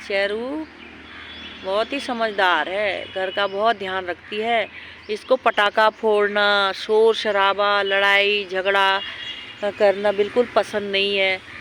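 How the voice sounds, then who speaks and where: A woman filming her dogs outdoors in a park, talking to them in a high coaxing or scolding voice and explaining them calmly to her viewers. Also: slow pace, a little hiss or hum. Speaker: dog owner vlogger. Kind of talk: casual narration to camera.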